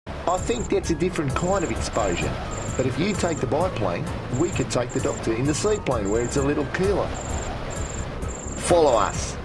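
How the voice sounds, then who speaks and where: An actor voicing a friendly, helpful adult adventurer in a video game, with earnest delivery. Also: male voice, mid-range voice, big pitch swings, moderate pace, lightly acted, low-quality recording. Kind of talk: video game character acting. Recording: music over game dialogue.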